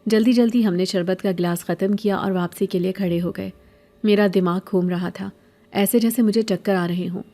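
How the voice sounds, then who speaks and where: A woman telling a scripted horror story in steady, even narration. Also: medium pitch.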